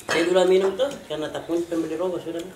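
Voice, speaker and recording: Fast-talking casual chatter in an echoey room. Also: mid-range voice, fairly even intonation, darkish tone. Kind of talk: casual chat while eating, mukbang. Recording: roomy echo, faint noise and clicks.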